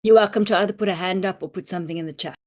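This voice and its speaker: A woman family physician giving an online teaching webinar with a hoarse, croaky voice, talking in a practical, conversational way with frequent "um"s. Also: on the low side, rapid-fire, a little mellow. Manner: practical, reassuring, loose and conversational with many "um"s. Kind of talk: online medical teaching talk. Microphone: computer mic on a video call.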